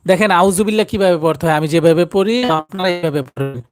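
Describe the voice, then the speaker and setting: A man's voice: high-pitched, rapid-fire, no echo. A man teaching Quran recitation in a live stream, often pleading with viewers to like and share.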